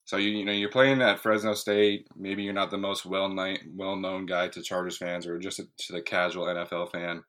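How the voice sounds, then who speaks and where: Male sports podcast interviewer, deep voice with a bright edge, friendly and upbeat. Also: level tone, moderate pace, few pauses.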